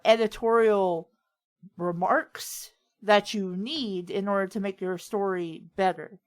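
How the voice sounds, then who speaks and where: Speaking slowly with a steady tone and medium pitch, the host of a writing advice talk offers guidance in a conversational, rambling way. She frequently acts out what others say during the casual chat.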